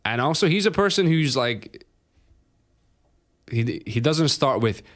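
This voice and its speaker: Speaking at a measured pace with a mid-range voice, a young man from Romania co-hosts a podcast. The conversation is casual, and he's animated, swears freely, and laughs a lot.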